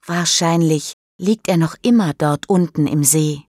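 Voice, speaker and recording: A woman's voice: sits low, a little slow, darkish tone, no echo, studio quality. A woman voicing a playful teenage boy who tells a spooky tale to tease his friends, in an audiobook. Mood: teasing. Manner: teasing, playful. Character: teenage boy, teasing storyteller.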